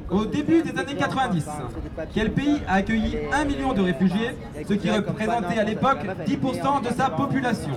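A man hosting a public quiz at an outdoor gathering, animated and upbeat, calling out answers to the crowd. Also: very high-pitched. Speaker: quiz host at a rally. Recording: distant outdoor recording with a crowd.

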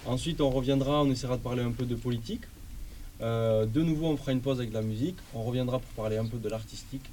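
A man's voice: medium pitch, fast talker, mellow, a little hiss or hum. Man hosting a school radio show. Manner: friendly, encouraging, hesitant with fillers.

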